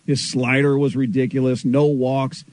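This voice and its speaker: A man's voice: medium pitch, little pitch movement, normal speed, darkish tone, no room sound. A man hosting a sports radio show, jokey and teasing with his guest. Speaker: radio host. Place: radio studio.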